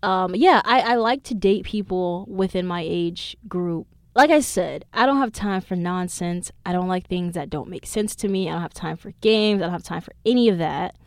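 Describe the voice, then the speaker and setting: A woman's voice: lowish voice, moderate pace, hardly any pauses, no echo. Twenties woman ranting on her podcast, swears a lot, dry close sound. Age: 20s. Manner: blunt, profane storytelling. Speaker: podcast host. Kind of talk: casual chat.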